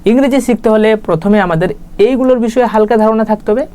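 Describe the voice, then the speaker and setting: A woman's voice: fairly high pitch, fast talker, mellow. A woman teaching English grammar in a casual, chatty way, often checking that listeners follow along. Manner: chatty, with repeated "right?" check-ins. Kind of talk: casual spoken lesson.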